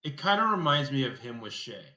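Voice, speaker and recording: A man co-hosting a basketball podcast, rambling with many fillers and trailing off softly. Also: medium pitch, sing-song, fairly quick, reverberant. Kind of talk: casual sports chat.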